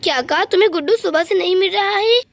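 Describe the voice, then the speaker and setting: A woman's voice: very high voice, fast talker, gravelly, faint music behind. A woman voicing a bossy mother in a doll story who scolds and reassures in turn. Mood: stern.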